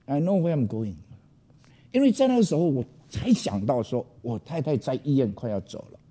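An older man, a pastor, telling a personal story to an audience in a loud, animated way, dropping in English phrases. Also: mid-range voice, brisk, slightly rough.

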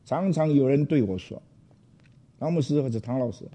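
An older pastor tells a personal story to an audience, loud and animated, slipping in English phrases along the way. He has a mid-range voice and keeps a moderate pace.

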